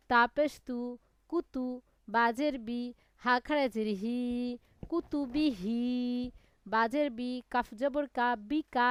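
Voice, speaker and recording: Woman teacher, slightly high voice, slow measured drill pace, live class. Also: clear, resonant tone, dry recording, clean studio sound. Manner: patient, spelling out each sound in a measured chant. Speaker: Quran reading teacher. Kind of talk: slow drilled recitation of letters and vowel marks. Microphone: online live class.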